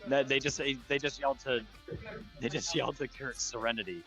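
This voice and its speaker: An American man adds easygoing color commentary to an amateur floor hockey stream, praising passes and relaying what he overhears from the bench. His voice sits at an ordinary middle pitch, and he talks in a loose, chatty way. Faint music runs underneath. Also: normal speed, rough recording. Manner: relaxed analysis with fillers and restarts. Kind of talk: amateur live sports commentary.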